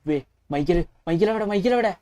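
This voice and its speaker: A woman's voice: on the low side, lively intonation, fairly quick, warm tone, no room sound, natural voice. A woman voicing Franklin, a jumpy young man in a game video, repeating short phrases as she plays. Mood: muttering. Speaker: game video narrator voicing the player character. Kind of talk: casual game role-play commentary.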